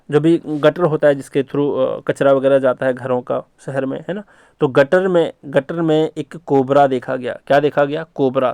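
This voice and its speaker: A man's voice: on the high side, no room sound, studio quality. A man teaching exam-prep memory tricks, repeating key words and quizzing his listeners with short questions. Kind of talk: mnemonic lesson for students.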